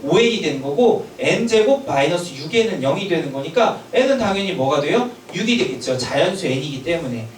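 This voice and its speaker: A man teaching a math lecture, drilling students with quick checking questions and an emphatic, sometimes scolding manner. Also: fairly high pitch, big pitch swings, a little hiss or hum. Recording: echoey room with distant mic.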